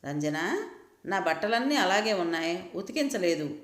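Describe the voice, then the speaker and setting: A woman's voice: on the low side, big pitch swings, measured pace. A woman voicing an irritable, regretful married man who complains and reproaches. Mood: complaining. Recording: roomy echo.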